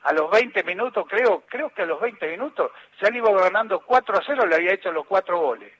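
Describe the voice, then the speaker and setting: A man's voice: high voice, lively intonation, a little fast, a bit bright, slightly rough, low-quality recording. An older man with an Argentine accent, a former footballer telling rambling anecdotes in an interview, often restarting and quoting others. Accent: Argentine Spanish. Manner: rambling, with many restarts and acted quotes. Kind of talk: anecdotal storytelling.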